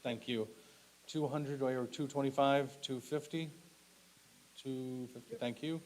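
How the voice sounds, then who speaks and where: In a steady, medium-pitched voice that is a little mellow, a male auctioneer calls bids at a measured pace during a live auction. His phrases are short, clipped and repetitive, sprinkled with polite thanks and asides, against clearly audible background hiss.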